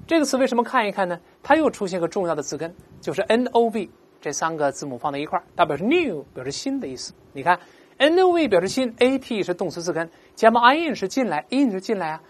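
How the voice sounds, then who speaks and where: Lively, husky woman teaching vocabulary. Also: medium pitch. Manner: explains patiently, slowly models pronunciations for repeating; asks "right?" often. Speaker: English teacher. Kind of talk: vocabulary lesson.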